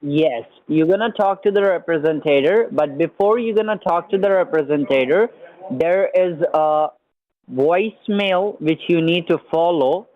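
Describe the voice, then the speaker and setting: A man speaks over a bad phone connection that cuts in and out, his voice thin and tinny. He sits a little high for a man and walks the listener through steps, often checking whether they are still there. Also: normal speed, no echo. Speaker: phone caller giving instructions. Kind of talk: phone call.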